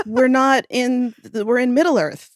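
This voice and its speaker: With a slightly high voice at a moderate pace and no room sound, this woman reminisces as a podcast guest. She writes audio fiction and talks casually, rambling enthusiastically and poking fun at herself.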